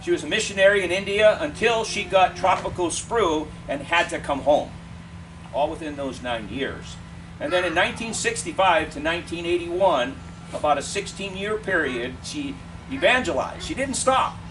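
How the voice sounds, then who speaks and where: A man preaching a funeral eulogy in measured, deliberate short phrases with pauses. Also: on the high side. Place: funeral service, speaker away from the mic. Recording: distant mic, clear steady air-conditioning noise.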